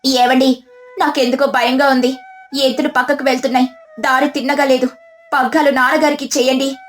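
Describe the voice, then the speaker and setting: A woman's voice: fairly high pitch, level tone, moderate pace, faint music behind, natural voice. A woman voicing a sensible young village wife who urges caution in a storybook cartoon. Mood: worried. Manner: cautious, pleading.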